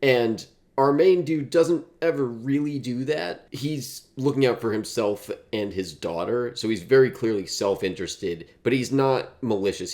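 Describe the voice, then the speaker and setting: A man co-hosting a film podcast, giving measured, thoughtful pushback in casual chat. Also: lowish voice, vocal fry, darkish tone. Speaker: podcast co-host.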